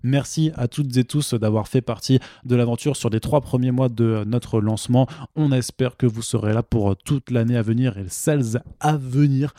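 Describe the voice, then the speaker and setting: A man's voice: mid-range voice, moderate pace, few pauses, dark tone, no room sound, studio quality. A man co-hosting a French podcast in casual chat, hesitant with many fillers and restarts. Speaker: podcast co-host.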